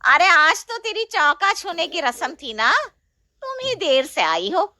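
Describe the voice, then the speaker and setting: A woman voicing a scolding, tradition-bound middle-aged aunt-in-law in a storybook, sharp and loud with a nagging, taunting manner. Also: very high voice, sing-song, a little slow, no echo, pitched above the performer's own voice, full character voice. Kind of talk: storybook voice acting.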